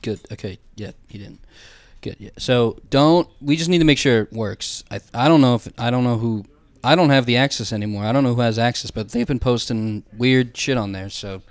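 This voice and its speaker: Rambling, halting male podcast co-host. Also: mid-range voice, no room sound. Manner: halting, rambling, stumbling over words. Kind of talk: casual comedic podcast chat.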